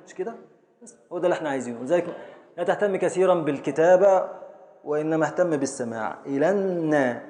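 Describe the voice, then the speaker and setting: A man with an Egyptian accent teaching a class on Arabic prosody and grammar. He drills syllables slowly, stretching words to beat out the meter, and calls on students. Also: fairly high pitch, a little mellow. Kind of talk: classroom lesson, calling on students. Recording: echoey hall with long reverb.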